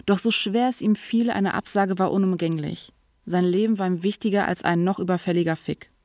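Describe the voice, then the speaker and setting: A woman reading a story aloud in an even, clear storytelling manner, now and then lightly voicing the characters. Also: on the low side, fairly quick, no echo, clean studio sound. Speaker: narrator. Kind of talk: audiobook reading.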